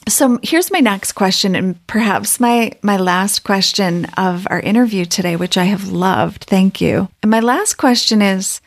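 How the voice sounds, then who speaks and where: An American woman hosting a podcast interview, chatting enthusiastically and asking questions. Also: mid-range voice. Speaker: podcast host. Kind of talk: casual interview chat.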